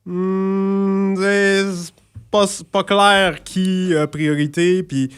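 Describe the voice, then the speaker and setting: A man's voice: sits high, little pitch movement, very slow, clear, resonant tone. A man with a Québécois accent, a cyclist guest on a podcast, speaking thoughtfully and hesitantly with many restarts. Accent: Québécois French. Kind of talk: casual podcast discussion.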